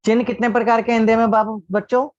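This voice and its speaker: A man's voice: extremely high pitch, level tone, fast talker, no room sound. Man teaching an online class. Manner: patient, asks class questions and answers them himself. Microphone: video call. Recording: dull lo-fi online class audio.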